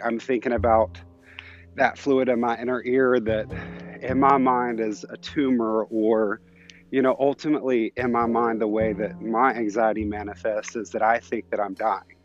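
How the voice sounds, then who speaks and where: A man's voice: mid-range voice, steady tone, moderate pace, dull audio, soft background music. A man in his thirties telling a personal story on his podcast, candid and reflective with many restarts, slightly out of breath from walking outdoors. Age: 30s. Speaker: podcast host. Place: outdoors on a walk.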